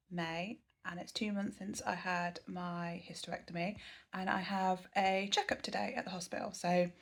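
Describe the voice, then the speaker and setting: A woman casually vlogging into her handheld phone, chatty and quick to laugh. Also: lowish voice, fairly bright tone, dry recording. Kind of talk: casual vlog to phone camera. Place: hospital corridors, then a car.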